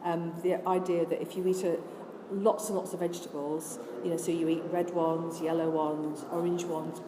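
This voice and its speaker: Her voice sits on the low side with a level tone and normal pace as she, an older Scottish woman who no longer has her accent, answers an interviewer. The vegan charity worker is earnest and talkative, listing items with frequent restarts, in an echoey room with noise.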